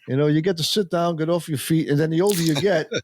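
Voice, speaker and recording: A man chiming in on a casual podcast with quick, jokey asides. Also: fairly high pitch, darkish tone, a little hiss or hum.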